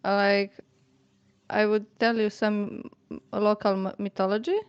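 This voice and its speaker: A Serbian-accented woman chats as a guest, her English a little non-native in phrasing. Her voice is smooth and clear, set dry and close. The call audio is slightly dull and muffled. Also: medium pitch, flat delivery, a little slow, no room sound. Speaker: guest artist. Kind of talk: casual chat.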